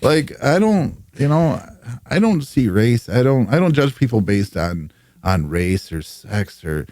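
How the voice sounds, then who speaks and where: A man as a podcast guest, talking casually and bluntly in halting bursts, with some swearing. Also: medium pitch, big pitch swings, darkish tone, dry recording, studio quality. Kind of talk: casual, profane podcast chat.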